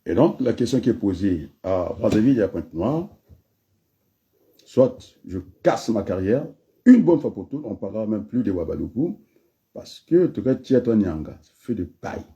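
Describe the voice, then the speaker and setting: Deep-voiced rambling Congolese man. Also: sing-song, normal speed, dark tone, dull audio. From Republic of the Congo. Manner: rambling, digressive, with many restarts and asides. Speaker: speaker. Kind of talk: freewheeling spoken address.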